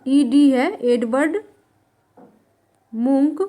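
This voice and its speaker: Woman, high voice, exam-prep art lecture, slow repeated terms. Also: fairly even intonation, warm tone. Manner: writes on a board while dictating; repeats terms slowly for note-taking. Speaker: art teacher.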